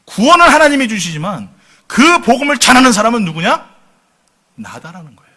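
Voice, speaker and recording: Man preaching in church, high animated voice, bright tone, storytelling sermon. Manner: lively storytelling preaching, asks the congregation questions. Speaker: pastor. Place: church sanctuary.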